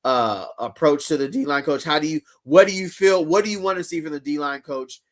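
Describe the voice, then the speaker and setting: A man's voice: on the high side, normal speed. A man hosting a live fan show in a casual, laid-back way, using slang and reading chat comments aloud. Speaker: show host.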